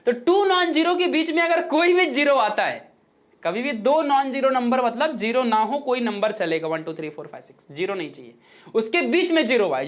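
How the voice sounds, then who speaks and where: A male physics teacher with a very high-pitched voice gives a chatty, informal online lecture. He reads rules out slowly, then explains them with joking asides.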